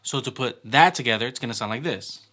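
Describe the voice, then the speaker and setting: A man casually teaching a hand-drum pattern, explaining it step by step in a relaxed way with fillers. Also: medium pitch, quick pace, over loud music. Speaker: percussion teacher.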